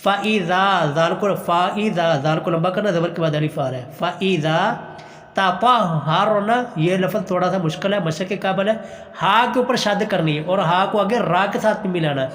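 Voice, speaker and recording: High-pitched male Quran tutor, patient, stretches verses then explains fast; roomy echo. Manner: slow drawn-out recitation between quick explanations; patient, repeats and urges practice. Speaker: Quran teacher. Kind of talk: Quran recitation lesson. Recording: echoey room with long reverb.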